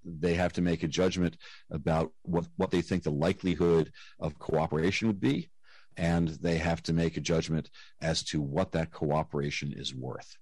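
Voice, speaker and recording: A man giving measured, explanatory answers as an interview guest, heard through low-quality video call audio. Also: fairly even intonation, darkish tone, no room sound. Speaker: interview guest, nonprofit director.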